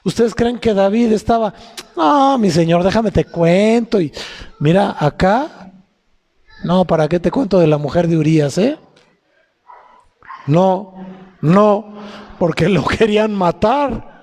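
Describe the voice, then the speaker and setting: Mexican preacher in a reverberant hall. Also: male voice, high voice, expressive, a little mellow. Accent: Mexican Spanish. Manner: asks the congregation questions, reads scripture slowly and drawn out. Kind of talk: sermon. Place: church hall.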